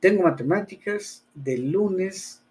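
A man whose first language is Spanish teaches English in a slow, careful bilingual lesson. His voice sits somewhat high for a man, and he talks at a deliberate pace. He repeats each phrase patiently and spells words out letter by letter. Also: expressive, a little mellow.

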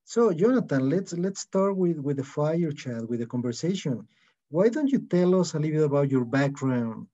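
A man hosting a podcast, giving a formal, measured introduction and then welcoming his guest. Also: fairly high pitch, sing-song, dark tone, dull audio. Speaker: podcast host.

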